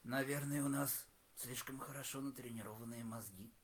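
A woman voicing an excitable male philosopher with a shrill, shouting delivery. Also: fairly quick. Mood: whispered awe. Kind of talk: audio drama acting.

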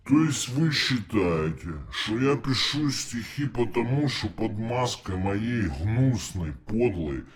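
A man's voice: fairly low pitch, expressive. A man voicing a cruel, gloomy alien captain who writes poetry, with a grating voice. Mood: sneering. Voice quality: grating, slow and heavy.

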